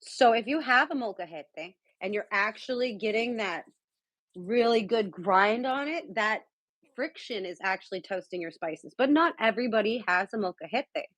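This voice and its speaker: A woman's voice: medium pitch, lively intonation, moderate pace, fairly bright tone, dry recording, rough recording. Woman from San Diego, casual guest cook, rambling and friendly-paced, dry close sound. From San Diego, California. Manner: chatty, lots of fillers. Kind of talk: casual cooking chat.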